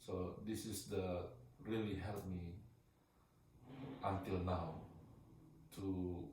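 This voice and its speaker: Soft-spoken deep-voiced man from Indonesia. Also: little pitch movement. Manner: soft-spoken, hesitant, short halting phrases. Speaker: guest. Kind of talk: interview answers. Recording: echoey room, voice far from mic, faint background noise.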